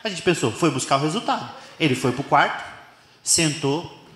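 Brazilian comic on stage, high lively voice, roomy echo and noise. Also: male voice, moderate pace. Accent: Brazilian Portuguese. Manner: animated, acts out the story. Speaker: stand-up comedian. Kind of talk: live stand-up storytelling. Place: stage before an audience. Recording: echoey live venue with noise.

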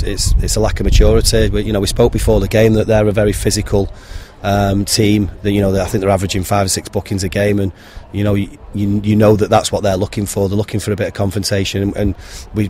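Man in his thirties, football manager, low even delivery, frank post-match talk into a handheld mic outdoors. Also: a little hiss or hum. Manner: frank, plain-spoken, many ums and restarts. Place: outdoors beside a football pitch. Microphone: handheld interviewer mic held to him.

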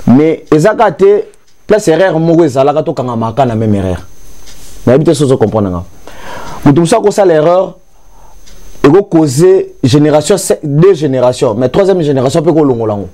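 A man's voice: on the high side, sing-song, brisk, warm tone. A young man from Congo giving a gesturing critique on a TV studio talk show, switching between Lingala and French. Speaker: commentator. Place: TV studio with grey sofa.

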